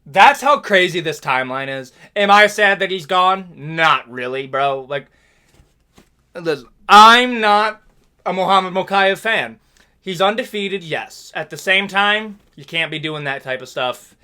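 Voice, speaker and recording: A young man giving a casual, joking fight recap, animated and frequently tagging lines with "okay?" and "bro.". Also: high voice, unhurried, clean tone. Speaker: MMA commentary YouTuber.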